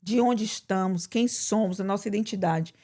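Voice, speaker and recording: A woman pastor with a Brazilian Portuguese accent, preaching in conversation with emphatic, animated delivery. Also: medium pitch, moderate pace. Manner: animated, bursts into emphatic quoted prayers.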